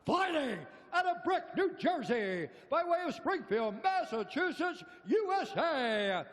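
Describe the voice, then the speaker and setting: A man working as a ring announcer, giving booming, theatrical fight introductions with drawn-out names. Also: big pitch swings, a bit bright. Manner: theatrical, stretches out names and key words. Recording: echoey arena PA, background noise.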